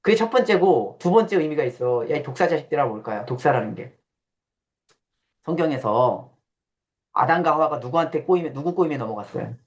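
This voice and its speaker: A man's voice: a little high, expressive, fairly quick, long pauses. A man giving a casual classroom lecture, blunt and teasing, who quizzes his listeners and acts out coarse quoted voices. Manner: blunt and teasing, questions the audience. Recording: dull lo-fi sound.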